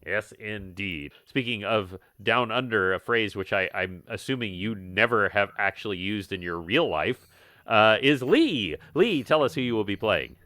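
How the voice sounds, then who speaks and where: A man's voice: lowish voice, lively intonation, normal speed, bright, forceful tone, dry recording. A middle-aged man hosting a tabletop game podcast, joking and announcing theatrically as dungeon master. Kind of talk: playful show introduction and banter.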